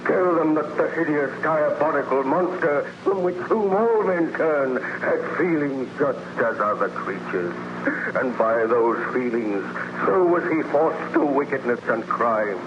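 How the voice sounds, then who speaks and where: Man acting a slow, bitter monster, old radio. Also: medium pitch, lively intonation, lo-fi sound, natural voice. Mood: anguished, bitter. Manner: declamatory, solemn, theatrical, formal phrasing. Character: bitter, anguished man-made monster, dying and lonely. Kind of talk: 1930s radio drama acting. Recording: noisy, band-limited 1930s radio recording.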